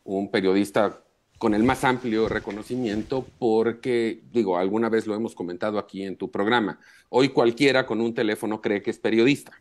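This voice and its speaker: A man, a journalist guest on a live talk show, giving measured and emphatic analysis. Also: lowish voice, steady tone.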